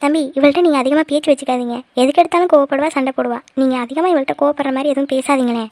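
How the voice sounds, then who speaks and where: A woman voicing a fond, peacemaking aunt and mother-in-law in a cartoon, gently scolding her niece. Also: sits high, fairly even intonation, racing, no echo, studio quality, close to an everyday voice. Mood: soothing. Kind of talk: cartoon voice acting.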